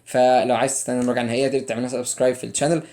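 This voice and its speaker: A young man with an Egyptian Arabic accent runs a playful exam-prep English lesson at a rapid clip. He teases his students and drills each grammar rule by repeating it again and again. His voice sits in a middle register. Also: mid-range voice, flat delivery, darkish tone. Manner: jokey, teasing, drills rules by repetition. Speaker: English teacher.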